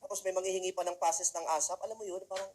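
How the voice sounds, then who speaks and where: A man's voice: sits high, level tone, rapid-fire, a little mellow, slight background noise. A man from the Philippines giving a humorous talk to students, telling comic stories and speaking straight to the audience. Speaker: motivational speaker.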